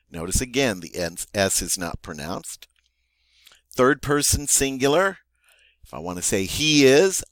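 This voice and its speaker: A man teaching a French grammar lesson, patiently repeating and modelling each French form slowly. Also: on the low side, dry recording, studio quality.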